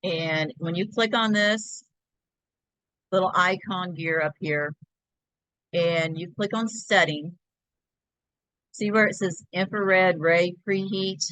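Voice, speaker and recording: A woman's voice: lowish voice, slow pace, long pauses, a bit bright, no echo, rough recording. A woman hosting a crafting tutorial, talking step by step through a screen-share in a chatty, think-aloud way.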